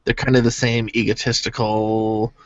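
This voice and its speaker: A man's voice: fairly low pitch, little pitch movement, moderate pace, dry recording. A man co-hosting a casual podcast chat, skeptical and dismissive in his remarks. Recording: dry, dull lo-fi audio.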